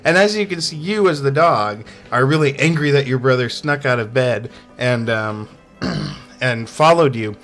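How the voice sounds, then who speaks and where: Unhurried and lively in intonation, a man with a fairly bright, mid-range voice gives a sarcastic video game review voice-over. Soft music runs behind his chatty, amused delivery, which is full of fillers and frequent laughter.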